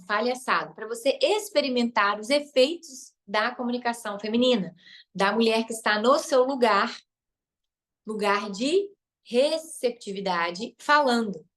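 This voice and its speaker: Her voice a little high, a Brazilian Portuguese-accented woman teaches a live online masterclass as a relationship coach and therapist. She's forceful in delivery, echoes key phrases, and tags questions onto her statements.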